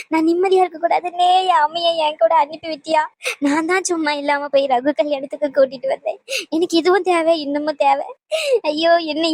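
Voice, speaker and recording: A woman voicing an exasperated middle-aged mother in a cartoon, who scolds loudly and wails. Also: very high voice, dry recording. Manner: loud, scolding, wailing. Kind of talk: cartoon voice acting.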